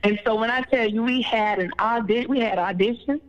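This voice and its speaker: A woman's voice: a little high, a little fast. A woman who is a veteran teacher, telling a classroom story in a casual interview and acting out her own words to the class. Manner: animated, re-enacts her own classroom talk. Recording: dull, echoey hall sound.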